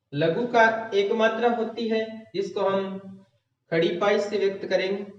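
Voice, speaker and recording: A male teacher giving an online Hindi class, dictating slowly step by step for students to copy down. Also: high-pitched, darkish tone. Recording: distant, echoey, dull lo-fi classroom recording.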